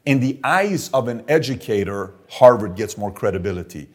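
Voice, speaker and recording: An expressive, slightly rough voice on the low side belongs to a middle-aged Iranian entrepreneur speaking at normal speed. During an animated business interview, he works out numbers aloud with emphasis, punctuating points with "okay?".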